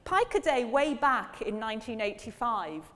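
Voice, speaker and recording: A woman professor gives a public lecture on language teaching in a lecture hall, asking the audience questions as she goes. Her voice is a little high and a bit bright, animated yet measured in pace, and the hall adds a long reverb.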